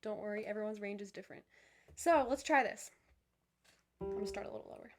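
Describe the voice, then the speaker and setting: A young woman who leads viewers through vocal warm-ups, encouraging and upbeat, with many fillers and restarts. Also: medium pitch, quick pace. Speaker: voice teacher. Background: piano.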